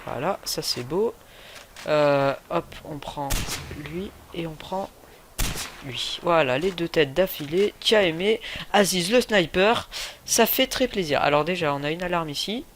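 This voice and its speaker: A man giving casual gameplay commentary, excitable, yelling and swearing at the game between joking asides. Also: on the high side, a little slow, a little hiss or hum. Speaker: gaming YouTuber.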